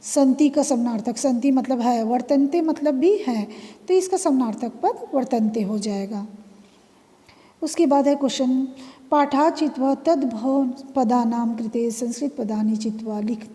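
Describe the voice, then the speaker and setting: A woman's voice: on the high side, a little slow, warm tone. A woman teaching a lesson, explaining exercise answers patiently and step by step, often repeating key words. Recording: long reverb, room echo.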